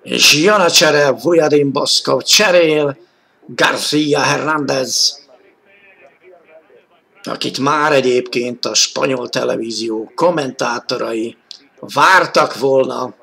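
A man works as an excited live football commentator on 1980s television. His voice is forceful and bright, with a gravelly creak at mid pitch. He lifts toward shouts when the play heats up. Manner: excited, rising to shouts at key moments. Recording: old 1980s TV sports broadcast audio.

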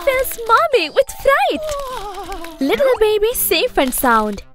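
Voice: extremely high pitch, very animated, slow, full character voice. A voice actor singing the narration of a children's cartoon in sing-song rhymes. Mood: cheerful. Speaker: sung narrator. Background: children's music.

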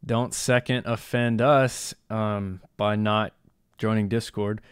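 A man co-hosting a podcast, joking around with a drawn-out delivery. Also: lowish voice, steady tone, clear, resonant tone, dry recording, studio quality. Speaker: podcast co-host. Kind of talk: casual podcast chat.

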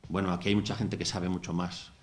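Middle-aged guy lecturing, goes word by word, kinda low voice. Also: level tone, quick pace, noisy background. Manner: explains word by word, methodical, with asides. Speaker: university lecturer. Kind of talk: academic lecture. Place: lecture hall.

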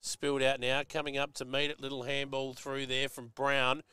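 A man's voice: mid-range voice, completely flat delivery, moderate pace, pushed and bright, smooth. An Australian man giving live football commentary and analysis, chatty and folksy, jumping up sharply at big hits.

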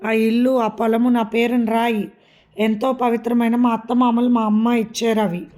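A woman voicing a drunk, abusive older husband hurling insults, in a fairly high, flat voice. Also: moderate pace, lightly acted. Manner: shouting insults, harsh.

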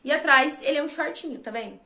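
A chatty woman in her thirties from Brazil, talking through a clothing haul in a fairly high voice. She sounds lively and friendly, recorded on a camera close by in a small bright room at home. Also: fast talker. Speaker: fashion vlogger. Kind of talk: casual shopping haul chat. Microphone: camera at a short distance, then phone held at a mirror.

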